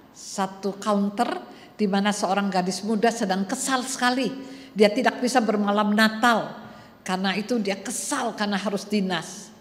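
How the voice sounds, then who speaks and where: Woman preaching in an echoey church. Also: mid-range voice. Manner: storytelling, earnest. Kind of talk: sermon. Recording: echoey church hall, faint noise.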